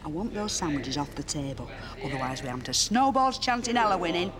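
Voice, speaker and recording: An actress playing a grumpy, superstitious older woman who complains in an indignant, deadpan way. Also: deep voice, fast. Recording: busy crowd behind.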